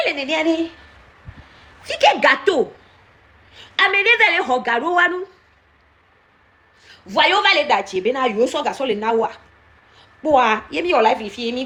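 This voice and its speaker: A woman's voice: high-pitched, sing-song, unhurried, long pauses, a bit bright. A woman giving casual live-stream commentary, slipping into Ewe and scolding viewers by name.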